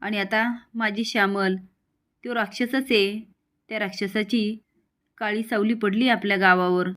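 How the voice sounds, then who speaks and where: A woman's voice: mid-range voice, fairly even intonation, a little slow, fairly bright tone, lightly acted. A woman voicing a fearful old village grandmother who pleads and warns urgently. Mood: urgent pleading.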